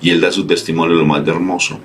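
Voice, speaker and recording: Man, very low voice, fervent preacher, earnest reflection, faint noise behind. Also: level tone, fast. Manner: earnest, fervent, acts out pleas in a higher voice. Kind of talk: spoken reflection and sermon.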